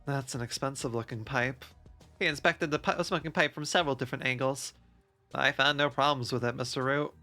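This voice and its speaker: Bright-voiced streamer narrating a game. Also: mid-range voice, fairly even intonation, brisk, soft background music. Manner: laughs between lines, breaks off to joke. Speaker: streamer reading and voicing a game. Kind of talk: live-streamed story narration.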